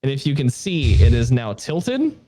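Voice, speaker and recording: A man's voice: mid-range voice, wildly swooping pitch, normal speed, dark tone. A young man co-hosting a casual podcast chat, joking, swearing and laughing often. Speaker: podcast co-host.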